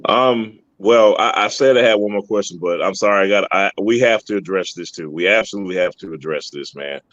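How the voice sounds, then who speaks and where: A man's voice: sits low, a little fast, fairly bright tone, no echo. A man hosting a casual sports podcast, laid-back, often tagging his sentences with "man.". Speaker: podcast host. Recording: dull, dry lo-fi sound.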